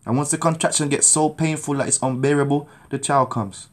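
Speaking briskly in a slightly high, steady tone, this Jamaican man in his thirties records himself on a phone camera at arm's length. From a small room in his home, he preaches his testimony with urgency, pleading with his listeners.

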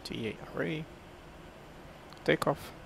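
A gravelly airline pilot on cockpit headset. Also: male voice, a little high, slow, full character voice. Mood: crisp. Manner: clipped procedural callouts. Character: airline pilot calling takeoff checklist items on cockpit intercom. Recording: loud aircraft engine noise behind.

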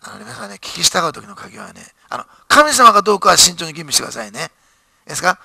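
A man's voice: high-pitched, very animated, fast, gravelly, sharp tone, husky, no echo. A male pastor giving a sermon, reading scripture aloud and building to fervent, emphatic preaching in a church.

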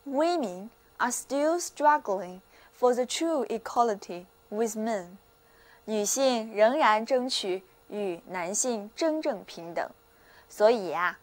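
A woman hosting a scripted vocabulary lesson. She spells words out letter by letter, repeats each example sentence, and gives friendly encouragement. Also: on the high side. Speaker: language teacher, show host.

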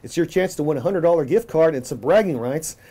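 A man's voice: a little high, lively intonation, fast talker, warm tone. A middle-aged man hosting a local news show, reading his script in an upbeat way from a small office.

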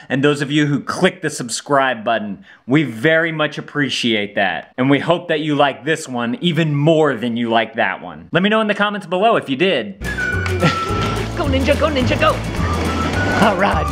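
A man in his thirties with a drawl talks to his kids in a playful, cheering way, his pitch bouncing all over. He is recorded on a handheld camera at arm's length in a train station. Loud music plays under him. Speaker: family travel vlogger. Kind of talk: casual vlog talk with his kids. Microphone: handheld action camera held at arm's length. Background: loud background music.

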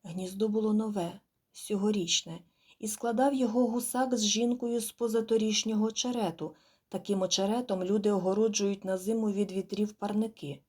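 A woman narrating an audiobook in a measured, quiet, expressive storytelling manner. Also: mid-range voice, slightly rough. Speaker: audiobook reader. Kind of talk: scripted narration.

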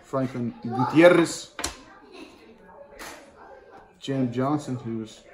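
Speaking very slowly in a medium-pitched voice, this card channel host calls out baseball card names one after another during a relaxed card-opening session. His manner is plain and slangy. He's indoors in his dining room, picked up by a camera set on the table before him amid constant room noise.

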